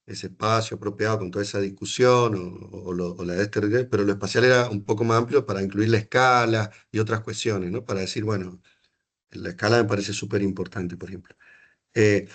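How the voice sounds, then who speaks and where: Hesitant Argentine man, lowish voice. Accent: Argentine Spanish. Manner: hesitant, full of restarts and rhetorical asides. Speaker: university geography lecturer. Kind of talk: academic panel discussion.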